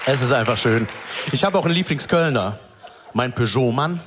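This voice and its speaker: A man's voice: mid-range voice, normal speed, over a noisy crowd, heavy background noise. A man hosting a comedy show on stage, telling stories and acting out the people in them. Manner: animated storyteller, acts out quotes. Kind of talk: stand-up storytelling and hosting. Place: stage before a live audience.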